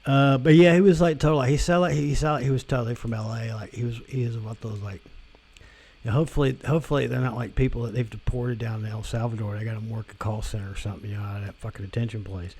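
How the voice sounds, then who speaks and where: A man's voice: mid-range voice, fairly even intonation, quick pace, darkish tone, breathy edge. A man vlogging in a casual rant, rambling and profane, often repeating and restarting himself.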